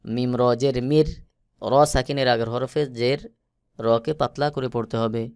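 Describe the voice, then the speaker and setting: A man with a Bangladeshi Bengali accent teaching Quran reading, spelling out letters slowly and chanting the words in long drawn-out tones. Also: mid-range voice, steady tone, darkish tone, clean tone, dry recording, clean studio sound. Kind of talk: slow spelled-out recitation lesson.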